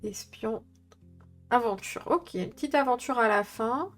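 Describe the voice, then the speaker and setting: Streamer, woman, higher pitch, rambling filler-heavy chat, soft music behind. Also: animated, measured pace. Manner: chatty, thinking aloud with many fillers. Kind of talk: casual live-stream chat about tabletop games.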